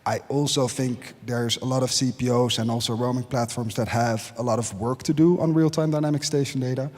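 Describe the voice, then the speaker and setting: A man's voice: medium pitch, fairly even intonation, a little fast, darkish tone. A man speaking as a conference panelist, direct and emphatic, repeating his key point. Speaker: panelist, company CEO. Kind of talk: panel answers. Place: large conference hall. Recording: conference hall reverb.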